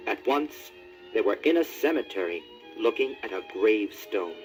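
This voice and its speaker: A man narrating a children's storybook record, with expressive, scripted delivery. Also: on the low side, normal speed, soft background music, poor audio. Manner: animated, expressive.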